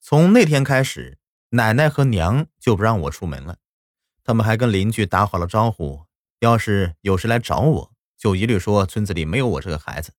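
Animated male storyteller. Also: on the low side, normal speed, no room sound, clean studio sound. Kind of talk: first-person story narration.

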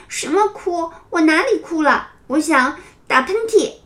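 A woman voicing a young schoolboy who is excitable and quick to sulk, in a high childlike voice. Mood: sulky denial. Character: young boy pupil, excitable and sulky.

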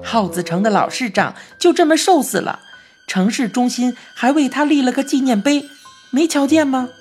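女声扮演的变成耗子的直爽男孩. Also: female voice, sits high, lively intonation, darkish tone, faint music behind, voice pushed up. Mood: warning. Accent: Beijing. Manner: indignant, chatty, rapid complaints. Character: boy turned into a mouse, frank and lively. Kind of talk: storybook narration.

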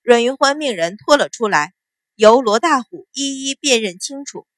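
A woman narrating a dramatic novel in a steady, vivid storytelling manner. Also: a little high, moderate pace, no echo. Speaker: audiobook narrator.

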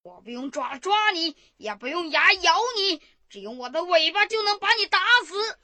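A boastful, bullying male tiger, put on by a woman storyteller, blusters in slow, stretched-out words. The voice stays high and bright but takes on a growly edge. He sounds like a storybook bully. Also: dry recording, full character voice. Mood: blustering. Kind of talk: bedtime story character voice.

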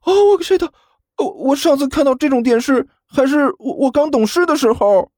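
A man voicing a brash young male apprentice who talks high, excitable and stammering in a storybook reading. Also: a little fast, dry recording, clean studio sound. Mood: excited, complaining.

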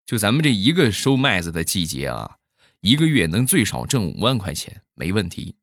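A man's voice: wildly swooping pitch, normal speed, fairly bright tone, no room sound, studio quality, exaggerated voice. A man voicing a boastful young village man who talks up an easy profit. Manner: boastful salesy pitch.

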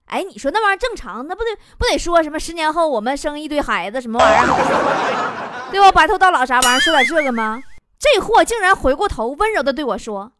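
Brash high-voiced woman comedy host. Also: big pitch swings, fast talker. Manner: brash, teasing, bursts into shouting. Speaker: talk show host. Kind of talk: comic storytelling monologue. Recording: loud background noise.

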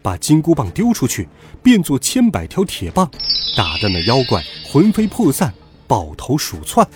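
A man narrating a storybook with a lively, dramatic reading. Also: medium pitch, moderate pace, music in the background.

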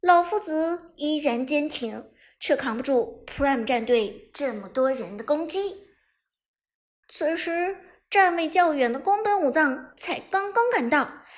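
Bright high-voiced woman narrating an esports novel. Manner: lively storytelling, bursts into fast shouted game commentary. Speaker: audiobook narrator. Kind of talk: scripted narration of a web novel.

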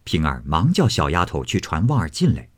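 A man reading a classic novel aloud as an expressive storyteller. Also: a bass voice, a little fast, husky, no room sound, clean studio sound.

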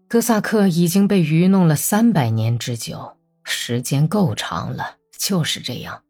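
Cold old revolutionary man, as a woman reader puts him on, lecturing, slow and even, low hushed voice. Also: breathy edge, full character voice. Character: elderly calm Bolshevik man, cold and methodical.

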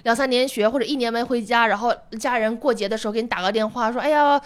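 A woman's voice: on the high side, fairly even intonation, fast talker. A woman comedian in a casual podcast chat, telling candid stories and often laughing. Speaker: stand-up comedian guest.

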